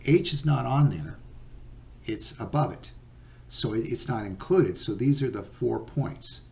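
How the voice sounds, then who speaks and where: A man teaching a recorded geometry lesson, patient and unhurried, with many fillers and okays. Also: medium pitch, lively intonation, creaky, darkish tone.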